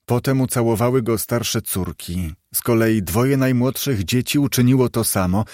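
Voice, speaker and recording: Calm male audiobook narrator. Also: medium pitch, moderate pace, dry recording, studio quality. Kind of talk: scripted narration.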